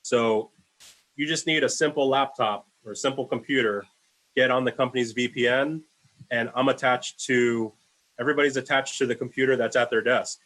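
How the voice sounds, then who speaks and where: A man's voice: mid-range voice, steady tone, normal speed, a bit bright, poor audio. Rambling man on a video call. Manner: rambling, many fillers and restarts. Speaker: in-house video producer for a sports team. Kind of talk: casual panel Q&A answers.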